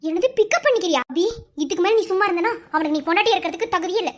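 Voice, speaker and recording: Performer voicing a jealous cartoon wife, very high voice, rapid scolding, mocking. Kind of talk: animated cartoon voice acting.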